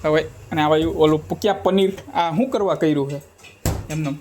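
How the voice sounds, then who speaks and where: A man's voice: fairly high pitch, a little fast, crowd noise, poor audio. A young man, chatting casually and teasing his family in a home vlog. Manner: playful, teasing banter. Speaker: family vlogger.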